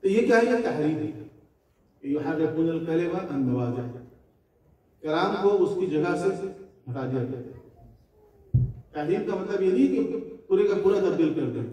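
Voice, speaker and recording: A man's voice: high-pitched, very animated, mellow. Echoey far-off man giving a sermon. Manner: explanatory, recites scripture in slow chant. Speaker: religious speaker. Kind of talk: majlis sermon.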